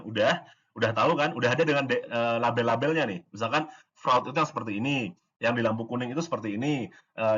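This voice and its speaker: Husky man explaining AI casually. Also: medium pitch, fairly bright tone, highs cut off. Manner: informal, many fillers and restarts, acts out dialogue examples. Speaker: AI course instructor.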